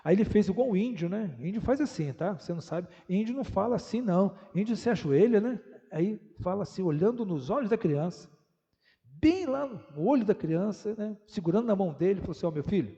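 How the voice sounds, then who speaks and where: Pastor guy preaching, high mellow voice, long echoey church hall, muffled lo-fi sound. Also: expressive, fairly quick. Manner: storytelling preacher, rhetorical questions, draws out key words. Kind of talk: sermon.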